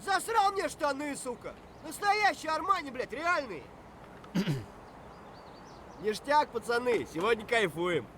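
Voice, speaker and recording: A man's voice: very high-pitched, sing-song, unhurried, long pauses, pushed and bright, a little hiss or hum, heavily acted. An actor playing a boisterous, crude male scavenger thug in a video game, with brash, swaggering lines. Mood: rowdy.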